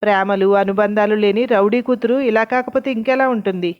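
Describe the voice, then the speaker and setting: Brief: woman voicing an impatient young man in an audio story, middle pitch, dull lo-fi sound. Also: steady tone, fairly quick, lightly acted. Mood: irritated. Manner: argumentative, impatient. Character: young man, defensive, irritated lover. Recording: dull lo-fi recording.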